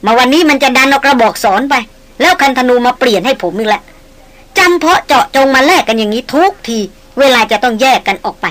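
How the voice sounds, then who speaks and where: A woman voicing a calm, stern male hunter guide in a spoken novel reading, explaining in measured tones. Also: sits high.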